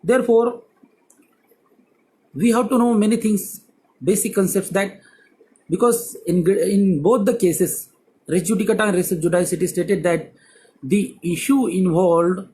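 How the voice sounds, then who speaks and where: A man's voice: high-pitched, unhurried, long pauses, darkish tone, poor audio. A man, an advocate, giving a law lecture with emphatic repetition of key words. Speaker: advocate teaching civil procedure.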